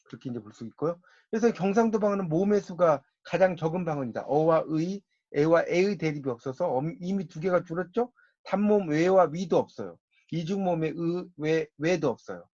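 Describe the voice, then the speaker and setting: A man with a Gyeongsang accent lectures, explaining patiently and repeating each key word. His voice sits a little high. The recording is dry and somewhat muffled. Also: animated, fairly quick, darkish tone, no echo. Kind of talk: lecture on Korean linguistics.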